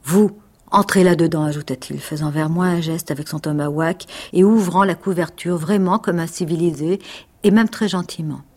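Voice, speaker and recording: An actress reading a passage from a novel aloud, with expressive, dramatic pacing. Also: female voice, sits low, moderate pace.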